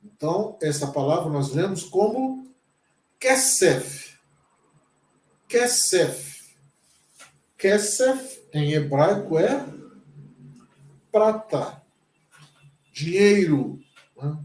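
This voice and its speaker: Slow, patient Brazilian man teaching. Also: on the high side, expressive, warm tone, reverberant. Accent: Brazilian Portuguese. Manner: patient, repeats each word several times. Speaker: pastor teaching Hebrew. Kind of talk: slow classroom lesson.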